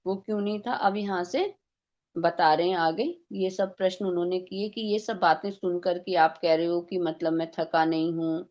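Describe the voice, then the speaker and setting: A woman's voice: lowish voice, steady tone, moderate pace, dull audio. A woman teaching a devotional scripture class, explaining step by step and posing rhetorical questions.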